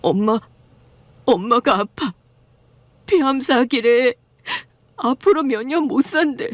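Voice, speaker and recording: A woman's voice: a little high, expressive, moderate pace, no echo, pitched above the performer's own voice. A woman doing a meek, pleading husband. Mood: distraught. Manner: soft, pleading, placating. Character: gentle, meek husband, distraught and tearful.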